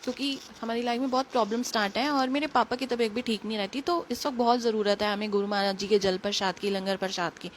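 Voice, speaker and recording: Woman, Delhi accent, earnest storytelling, quick retelling, phone recording, faint background noise. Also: on the high side, fairly even intonation. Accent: Delhi Hindi. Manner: earnest, emotional, quick retelling with quoted dialogue. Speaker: devotee sharing a testimony. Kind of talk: casual personal storytelling.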